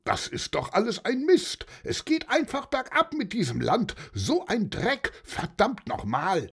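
A man voicing an angry middle-aged man who rants loudly in a children's audio story. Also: sits high, wildly swooping pitch, a little slow, vocal fry, breathy edge, pitched above the performer's own voice, heavily acted. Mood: furious. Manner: shouting, indignant rant. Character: furious ranting middle-aged man, grumbling.

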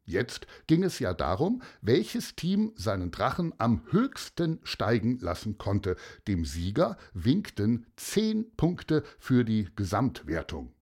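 Male children's-story narrator, slow and husky, very lively pitch. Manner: measured, expressive storytelling.

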